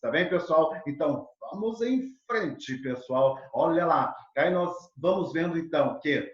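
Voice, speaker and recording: A male literature teacher gives a lively exam-prep lesson, full of fillers and speaking straight to his students. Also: fairly high pitch, unhurried. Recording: echoey, dull lo-fi room sound.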